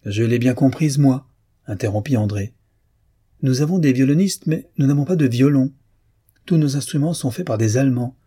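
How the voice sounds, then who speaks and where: A man voicing a calm, matter-of-fact young friend in a storybook reading. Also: medium pitch, normal speed, slightly rough, pitched above the performer's own voice, lightly acted. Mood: wry.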